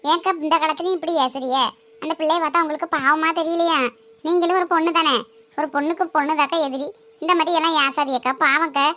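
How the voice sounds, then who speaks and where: A woman playing a kind neighbor who gently reasons with an older woman in a family skit. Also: sits high, steady tone, fast. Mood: pleading. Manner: gentle, reasoning, chiding softly.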